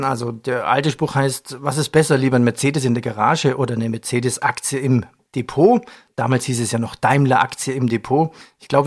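A man hosting a finance interview, asking questions in a conversational, joking way. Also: mid-range voice. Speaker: interviewer, show host.

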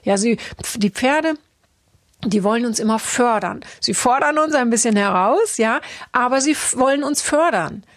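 A woman's voice: on the high side, lively intonation, normal speed, no echo, studio quality. A woman coach telling a story from her coaching sessions in a casual, chatty way, with many fillers and restarts, acting out the dialogue.

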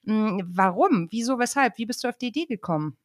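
Lively woman podcast host interviewing. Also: on the high side, dry recording, studio quality. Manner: lively, affirming, quick questions. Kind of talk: casual interview talk.

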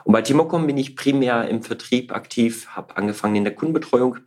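Chatty podcast guest from Belgium. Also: male voice, mid-range voice, fairly quick, darkish tone. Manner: explains at length with many filler sounds. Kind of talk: casual podcast interview.

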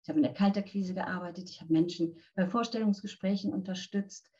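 A woman's voice: on the low side, fairly even intonation, fairly quick, mellow. Woman in her 50s, voice coach giving tips, earnest and direct, slightly muffled lo-fi sound. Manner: earnest, direct, addresses listener with instructions. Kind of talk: interview answers, coaching tips.

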